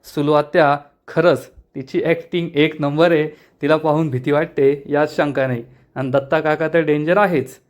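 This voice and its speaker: Man, casual episode recap, brisk storytelling, personal asides, slightly high pitch. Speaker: serial recap narrator.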